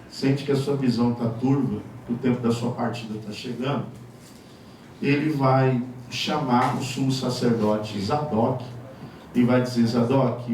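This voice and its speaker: Male Brazilian pastor, mellow voice, wry conversational preaching, distant mic in a reverberant church. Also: mid-range voice, slight background noise. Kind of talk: sermon. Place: church sanctuary. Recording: echoey church hall from far off.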